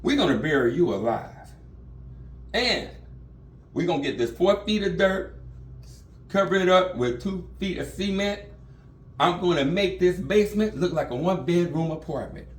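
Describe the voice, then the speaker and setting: A cold, vengeful grown son, as a man puts him on, calmly spelling out threats with a lively rise and fall in his voice. He sounds matter-of-fact and merciless. The voice is heard in an echoey room. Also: sits high, normal speed, pauses often, far from the mic, pitched above the performer's own voice. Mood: threatening.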